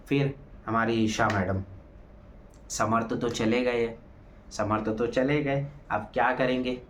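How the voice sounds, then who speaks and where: A man with a medium-pitched voice, recorded with a little hiss or hum, gives an offhand spoken review of a reality show episode. Animated and fond of rhetorical questions, he keeps saying "ठीक है" and raises his voice to act out quotes.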